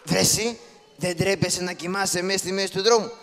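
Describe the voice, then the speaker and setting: A man voicing Karagiozis, gravelly comic father. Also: high-pitched, fairly bright tone, faint music behind. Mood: teasing. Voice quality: gravelly, bossy, teasing. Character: Karagiozis, scrappy poor comic father, loud and scolding. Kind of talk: live shadow-puppet theatre. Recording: echoey hall, live show.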